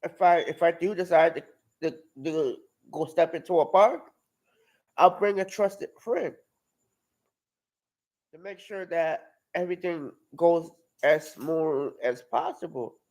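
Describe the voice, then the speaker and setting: A man in his twenties giving a personal testimony, halting and often repeating and restarting his words. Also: on the high side, darkish tone, rough recording. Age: 20s. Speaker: testimony speaker at a live-streamed outreach.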